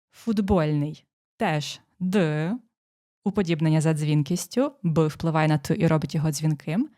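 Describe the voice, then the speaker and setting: Woman tutor dictating phonetics slowly. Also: fairly low pitch, mellow. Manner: dictating sounds slowly, explaining rules step by step. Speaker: teacher. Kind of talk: exam prep lesson.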